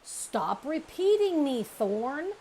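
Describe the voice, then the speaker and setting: A woman voicing a bossy young female bear in a storybook reading, with a sarcastic, loud delivery. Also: mid-range voice, big pitch swings, unhurried, slight background noise. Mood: menacing.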